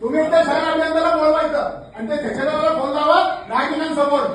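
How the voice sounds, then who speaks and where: A man's voice: very high voice, fairly even intonation, fast. Insistent man in an echoey office. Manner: loud, insistent, repeats demands. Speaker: former local councillor. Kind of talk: heated argument with an official. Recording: very echoey room, recorded from a distance.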